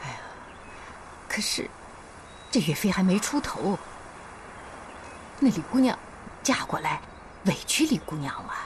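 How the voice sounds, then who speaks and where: A woman's voice: lowish voice, sing-song, a little slow, pauses often, recorded from a distance, a little hiss or hum. Fussing, doting drama mother. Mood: fond. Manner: fussing, exclamatory, sighing "aiyo". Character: doting middle-aged mother, matchmaking and fussing. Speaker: Yue Fei's mother.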